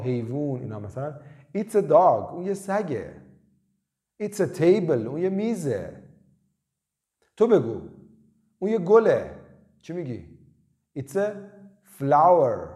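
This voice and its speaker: A man teaches beginner English in a relaxed, chatty way. His pitch moves a lot as he drills short phrases over and over. His voice is dark and mellow. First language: Persian. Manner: lively, drills phrases with repetition. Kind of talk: casual spoken lesson.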